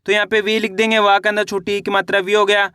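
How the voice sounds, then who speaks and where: A man's voice: sits high, completely flat delivery, fast, sharp tone, clean tone, dry recording, clean studio sound. A man teaching children to read, sounding out each word syllable by syllable and repeating it patiently. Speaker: Hindi reading teacher. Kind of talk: slow spelling lesson, syllable by syllable.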